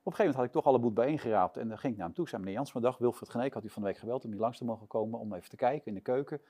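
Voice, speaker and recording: A man being interviewed, telling a long anecdote in a lively way and acting out the shouts and lines of the people in it. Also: mid-range voice, racing. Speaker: interview guest, sports presenter.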